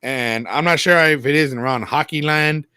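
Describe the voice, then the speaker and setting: Casting: man, bright and forward tone, dry close sound, rambling opinionated sports talk. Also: on the high side, normal speed, clean tone, no echo. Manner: rambling, self-correcting, emphatic opinions. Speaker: sports talk show regular. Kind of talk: casual sports chat.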